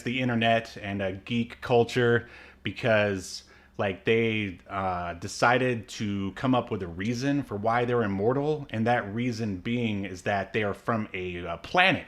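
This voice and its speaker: A man in his thirties co-hosts a podcast, chatting casually and rambling with lots of fillers and frequent laughs. His voice is on the low side with a fairly bright tone.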